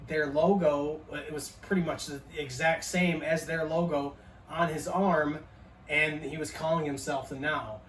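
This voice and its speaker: This forties-something podcast co-host keeps the talk loose and profane, his higher-leaning voice steady, unhurried and fairly bright. The recording carries a slight hiss or hum, captured from a distance in a room with echo.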